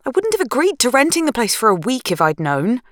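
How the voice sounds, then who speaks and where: A woman's voice: a little high, huge pitch swings, brisk, dry recording, clean studio sound, pitched above the performer's own voice. A woman voicing a fretful, intense wife. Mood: anxious. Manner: fretful, pleading, rising emphasis. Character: anxious, intense young married woman.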